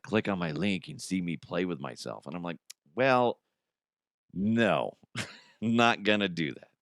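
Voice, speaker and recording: This casual comedic monologue comes from a male podcast host whose voice sits low and smooth. He riffs in a crude, joking way and laughs at his own lines. It's recorded at studio quality with no echo.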